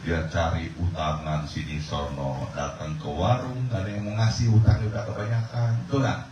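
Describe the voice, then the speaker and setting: Deep-voiced preacher in an echoey hall. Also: male voice, steady tone, normal speed, far from the mic, dull audio, a little hiss or hum. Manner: storytelling preacher, acts out voices, asks the crowd for agreement; swings from low murmurs to loud shouting. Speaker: pastor. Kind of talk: sermon.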